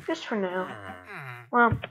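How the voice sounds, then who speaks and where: A woman's voice: mid-range voice, slow pace, a crowd in the background. A woman rambling casually through a Minecraft let's-play, self-correcting as she goes and losing her voice. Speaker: gaming YouTuber. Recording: dull lo-fi mic with clear background noise.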